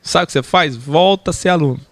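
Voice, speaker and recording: A Brazilian man teaches church teachers how to speak, lecturing animatedly and imitating preaching voices. His voice is on the high side and fast, in a dry recording.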